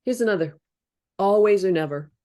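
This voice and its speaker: A woman talks fairly quickly in a medium-pitched, dark-toned voice as a guest in an interview on relationship books. Her explanations of relationship advice are casual, practical, and reflective, and she performs example phrases.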